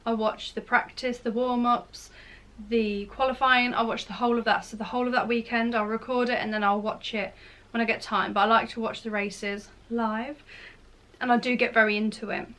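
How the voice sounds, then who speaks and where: Woman in her thirties, slightly high voice, casual Q&A vlog, rambling, self-correcting. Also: flat delivery, moderate pace, a bit bright. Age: 30s. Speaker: beauty and lifestyle vlogger. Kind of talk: casual Q&A chat to camera.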